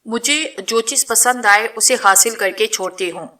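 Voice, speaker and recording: A proud young noblewoman with a bright, forceful voice, commanding and possessive in every phrase, as a woman reads her in a storybook. She sounds like someone who always gets her way. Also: a little high, recorded from a distance. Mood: domineering. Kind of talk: storybook reading.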